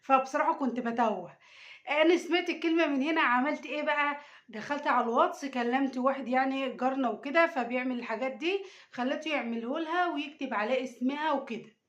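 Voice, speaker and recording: A woman's voice: sits high, quick pace, lo-fi sound. A woman with an Egyptian accent chatting casually to camera, teasing and repeating herself, filmed on a phone at home. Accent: Egyptian Arabic. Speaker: mother filming a prank on her daughter. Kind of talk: casual vlog talk to camera. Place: home indoors.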